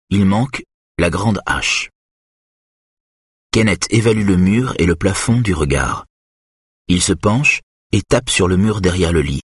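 A man reading a thriller audiobook in a steady, measured narration. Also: sits low, breathy edge, no echo, studio quality.

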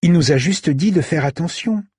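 A man's voice: fairly high pitch, expressive, normal speed, warm tone, breathy edge, no room sound, studio quality, pitched above the performer's own voice. A man voicing a young girl who speaks in a plain, sober way.

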